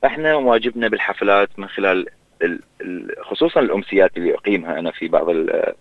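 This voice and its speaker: Iraqi male singer, interview guest, low voice, hesitant fillers, heard over a thin dry phone line. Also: expressive, dry recording. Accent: Iraqi Arabic. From Iraq. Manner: hesitant, restarts with drawn-out fillers. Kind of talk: casual interview talk.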